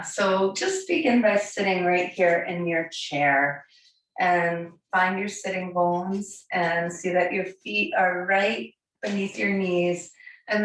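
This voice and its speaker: Speaking at a fairly low pitch, a hoarse yoga teacher in her forties, raspy with a cold, softly and slowly coaxes her class along with soothing encouragement. The setting is a bright home studio full of large windows, recorded by a camera across the room that leaves her voice distant and echoey.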